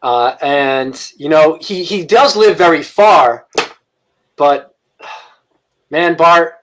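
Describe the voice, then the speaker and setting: A man hosting a comedy improv show over a video call, halting and full of fillers. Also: a little high, lively intonation, fairly bright tone, rough recording. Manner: halting, lots of fillers, laughing. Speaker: host.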